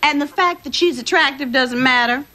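An actress playing a shrewd sitcom wife with a dry, pointed delivery. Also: female voice, high-pitched, moderate pace, bright, forceful tone. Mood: suspicious, sardonic. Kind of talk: sitcom acting.

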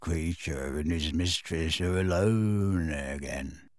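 A man's voice: a bass voice, slow pace, darkish tone, dry recording, clean studio sound, pitched below the performer's own voice. A man voicing a gleeful, wheezy old male house elf who mutters slyly. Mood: sly gloating. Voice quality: wheezy, cackling. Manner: sly, muttering.

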